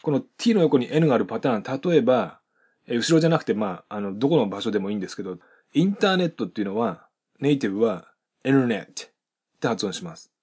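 A man who speaks Japanese as his first language teaches English pronunciation in Japanese, calmly and step by step, and slows down for his model phrases. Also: mid-range voice, husky. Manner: calm, methodical, with slowed model phrases.

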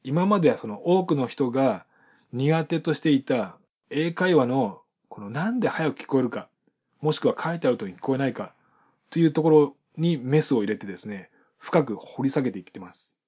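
A man calmly explaining English pronunciation rules from his book, repeating and demonstrating each example. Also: mid-range voice, normal speed, breathy edge. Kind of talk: explanatory lesson.

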